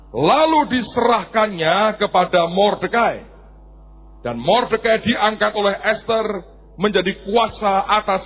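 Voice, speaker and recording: A middle-aged male pastor delivering an animated sermon and acting out little scenes as he goes. His voice is high and husky, with a lively, swooping pitch. The recording is thin and tinny, like a phone line. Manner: animated, acts out stories and voices.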